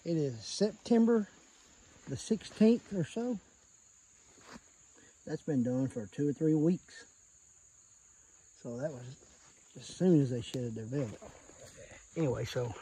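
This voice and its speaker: Male hunter, Arkansas Southern accent, relaxed dark-toned delivery, casual field vlog, light outdoor background noise. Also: medium pitch, poor audio. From Arkansas, United States. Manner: folksy, plainspoken, points things out as he goes. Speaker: deer hunter giving scouting tips. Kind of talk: casual outdoor vlog, explaining while scouting. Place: outdoors in the woods. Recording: outdoor field recording with faint natural noise.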